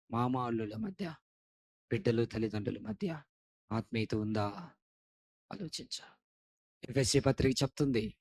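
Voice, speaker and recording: A male pastor preaching a sermon, swinging from soft, low appeals to loud, pleading outbursts.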